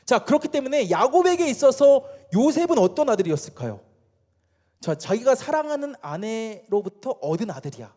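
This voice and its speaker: A man preaching to a youth group in a church hall, his high voice swooping up and down as he keeps throwing questions at the listeners. The tone is casual and playful, with mellow, soft edges. A long church reverb trails behind every phrase. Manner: casual and playful, quizzes the listeners and acts out quotes. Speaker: youth pastor. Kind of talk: sermon for teenagers.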